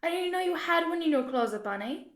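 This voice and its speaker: A high, sneering ghost queen rules the scene, as a woman plays her. She speaks with imperious scorn in a puppet stage play. A roomy echo hangs on the voice. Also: expressive, fast. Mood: haughty, scornful.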